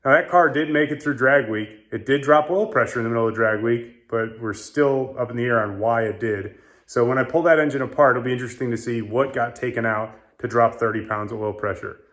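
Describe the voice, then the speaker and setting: A man's voice: medium pitch, pushed and bright. A man hosting a casual car-build vlog, talking in a plainspoken, matter-of-fact way and running through part costs. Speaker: car builder and channel host.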